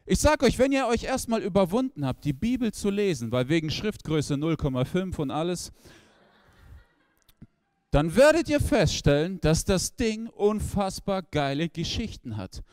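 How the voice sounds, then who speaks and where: A man doing stand-up storytelling on a stage with no audience, animated and acting out characters in the story. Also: sits high, moderate pace, no echo. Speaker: stand-up comedian.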